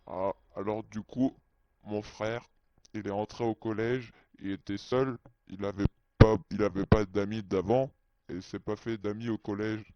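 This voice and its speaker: A man's voice: fairly low pitch, fairly even intonation, unhurried, dark tone, dry recording. Man speaking through a voice changer. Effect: voice changer disguising the voice. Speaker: guest telling a personal story. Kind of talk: halting first-person storytelling. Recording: dry, muffled lo-fi sound.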